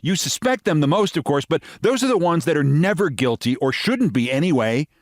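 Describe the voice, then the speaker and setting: Male reader as chatty woman, lifted pitch, emphatic, cocksure detective-fiction fan, storybook comedy, close dry sound. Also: lively intonation, fairly quick, dry recording, lightly acted. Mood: decisive, indignant. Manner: emphatic, gossipy, matter-of-fact certainty. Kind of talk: humorous short-story reading.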